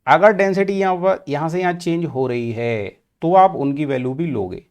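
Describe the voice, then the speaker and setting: A man's voice: fairly high pitch, smooth. A man with an Indian accent teaching engineering, mixing Hindi and English and asking questions he then answers himself. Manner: mixes Hindi and English, asks and answers his own questions; slow and deliberate, stretching out key terms. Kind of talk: classroom lecture.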